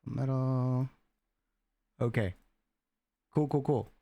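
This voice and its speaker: A man hosting a livestream, chatting casually and getting excitable, bursting into laughter and shouts. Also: mid-range voice, extremely slow, gravelly, no room sound, dull audio. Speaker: stream host.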